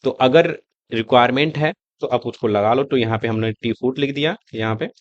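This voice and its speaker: A man walks through a coding lesson, explaining each step in a loose, conversational way while he types. His voice sits at an ordinary middle pitch. The room is dry, and the sound is a little dull, as from a simple home microphone. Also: brisk, dry recording. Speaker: coding tutor. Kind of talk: screen-recorded coding tutorial.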